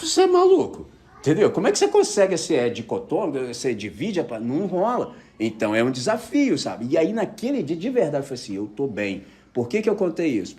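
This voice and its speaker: A man preaching a casual sermon, telling personal stories and checking with his listeners that they follow. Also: fairly high pitch. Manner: animated storyteller, keeps asking the audience if they follow.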